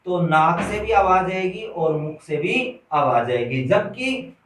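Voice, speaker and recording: A man's voice: sits high, animated, slight background noise. A man teaching a Hindi grammar lesson to children, asking questions and answering them himself, repeating key words. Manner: slow, repetitive question-and-answer drilling, addresses children as "beta". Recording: roomy echo, distant mic.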